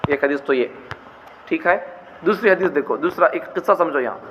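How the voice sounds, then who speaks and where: High-voiced man teaching in an echoey hall. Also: brisk. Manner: keeps asking rhetorical questions and repeating points. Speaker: religious teacher. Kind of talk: teaching talk on prayer. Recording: dull, echoey hall with faint noise.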